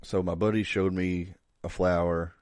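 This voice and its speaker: A man's voice: deep voice, little pitch movement, moderate pace, darkish tone, dry recording, clean studio sound. A young man co-hosting a podcast in casual chat, laid-back, joking crudely. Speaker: podcast co-host.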